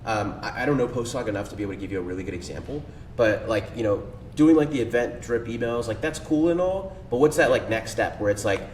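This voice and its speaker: A cold email agency owner, appearing as a podcast guest, talks fast, expressively and a little mellowly, enthusiastic and slangy with plenty of fillers. The mic is distant in an echoey room with a faint rumble.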